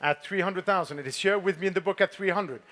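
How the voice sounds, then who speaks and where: A man with a high-pitched voice conducts a live sale as a fine art auctioneer. He calls out figures and repeats them in a formal, poised delivery, politely prompting bidders in the saleroom. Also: quick pace, fairly bright tone.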